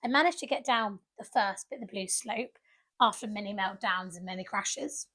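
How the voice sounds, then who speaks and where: A woman's voice: medium pitch, moderate pace, bright, forceful tone, breathy edge. A young woman, co-hosting a podcast and telling a story with lots of acted-out quotes. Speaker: podcast co-host. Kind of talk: casual chat.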